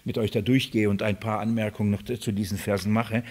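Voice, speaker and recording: A man preaching a sermon to his congregation, speaking in a halting way with repeated words and frequent fillers. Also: fairly low pitch, fairly even intonation, a little mellow, husky. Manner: addresses congregation directly.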